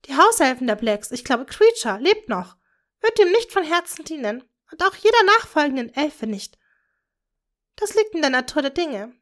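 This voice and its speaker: A woman's voice: high-pitched, sing-song, moderate pace, a bit bright, pitched above the performer's own voice. A woman voicing a proud, scheming aristocratic witch and mother, speaking intensely and possessively to her daughter. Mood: conspiratorial.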